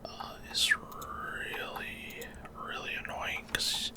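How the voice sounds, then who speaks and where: In a halting, unvoiced whisper right up against the mic, a male gaming host casually narrates his gameplay ASMR-style, explaining what he's doing along the way.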